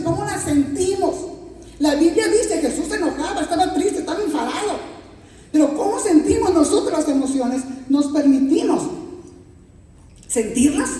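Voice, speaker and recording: A middle-aged woman giving a lively church talk, acting out quotes and laughing often. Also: high voice, a little hiss or hum. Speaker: church speaker. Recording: echoey hall from far off.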